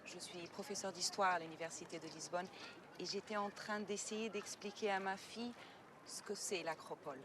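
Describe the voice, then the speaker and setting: A woman's voice: fairly low pitch, fairly even intonation, normal speed, background noise, close to an everyday voice. An actress playing a patient, formally polite history professor from Portugal, explaining things to her daughter outdoors. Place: outdoors at an ancient site.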